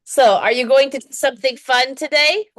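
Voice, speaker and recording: A woman's voice: high voice, normal speed, fairly bright tone. A woman teaching an online English lesson, chatty and encouraging, with frequent laughs; she is dizzy today. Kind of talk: one-on-one online lesson chat.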